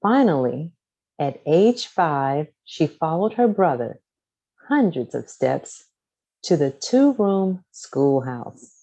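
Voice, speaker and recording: This is a low-quality recording of a woman reading a children's storybook aloud from a script. Her voice is low and mellow, and she shapes every line slowly and expressively for little ones, her pitch swinging up and down in a sing-song manner.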